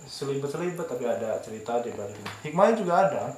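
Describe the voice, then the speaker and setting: A man's voice: mid-range voice, fast. A man hosting a casual talk, chatting easily and reacting with short remarks. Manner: relaxed, chatty, drops short reactions and sign-off plugs. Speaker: host. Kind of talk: casual chat. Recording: echoey room with clear background noise.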